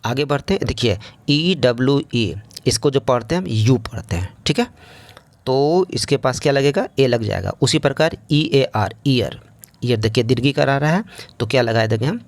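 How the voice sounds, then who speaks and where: A man's voice: medium pitch, animated, moderate pace, dry recording. Man teaching grammar with rhetorical questions. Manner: explains step by step, asks rhetorical questions. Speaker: English teacher. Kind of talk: classroom grammar lesson.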